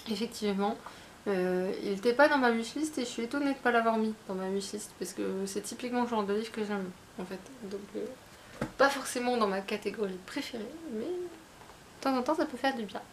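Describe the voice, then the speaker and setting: A woman's voice: a little high, brisk, slight background noise. A woman chatting casually about her book haul, talking in a hesitant way with many fillers and restarts. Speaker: book vlogger.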